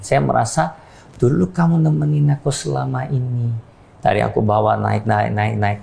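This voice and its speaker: A man's voice: mid-range voice, steady tone, normal speed, vocal fry, darkish tone. A man giving a candid, plain-spoken faith testimony about his past. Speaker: guest sharing a testimony.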